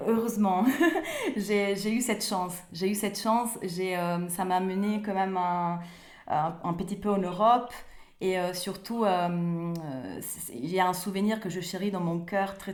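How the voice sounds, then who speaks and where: Speaking French at a measured pace, a woman with a somewhat low voice talks as a guest in a conversational interview. She is a playwright from Italy whose first language is Italian, and her hesitant manner, repeated words and quiet laughs echo through a roomy space.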